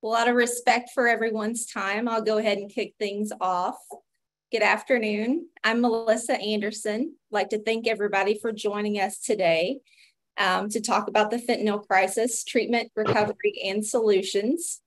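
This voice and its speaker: A woman's voice: mid-range voice, fairly even intonation, moderate pace. Female webinar host, thirties, Appalachian accent, medical presenter on a video call. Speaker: webinar host, physician and pharmacist.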